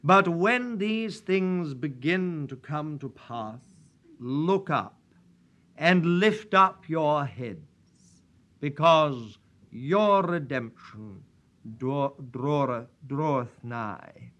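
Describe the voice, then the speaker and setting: A man preaching from the pulpit, his voice picked up by a pulpit microphone. He sits a little high for a man and speaks unhurriedly, with solemn, measured phrasing in old-fashioned prayer wording. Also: lively intonation, a bit bright, lo-fi sound. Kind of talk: sermon with prayer and scripture reading. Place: church.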